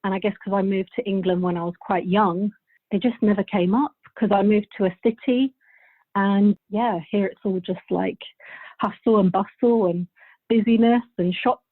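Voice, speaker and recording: A woman's voice: medium pitch, steady tone, moderate pace, dry recording. A woman in her thirties from Bulgaria, a podcast guest answering questions in a chatty, rambling way and laughing often. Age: 30s. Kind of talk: casual interview answers. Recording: thin phone-like line.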